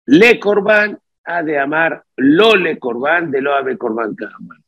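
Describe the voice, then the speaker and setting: A man's voice: mid-range voice, unhurried, fairly bright tone, breathy edge, muffled recording. A man teaching a study lesson. He reads phrases aloud, then explains them, and slips Portuguese words into his talk. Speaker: Talmud teacher.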